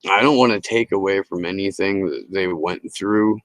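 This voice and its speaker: Deep-voiced man ranting on a livestream headset. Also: moderate pace, a bit bright, no room sound. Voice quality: low-pitched voice. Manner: heavy casual swearing, emphatic, opinionated. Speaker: livestream talk show host. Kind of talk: casual political rant to a live chat.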